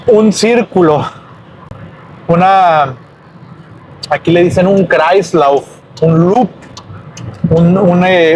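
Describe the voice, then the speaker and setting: A man teaching numbers in a casual video lesson, slow and hesitant, often correcting himself. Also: a little high, a little mellow, poor audio. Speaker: language teacher. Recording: faint background noise.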